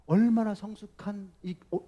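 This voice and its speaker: A man with a high voice, pitched well above most men, preaches a sermon as the pastor. He tells the story with a lot of animation and acts out the voices of the people in it. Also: fairly even intonation, normal speed, dark tone, highs cut off.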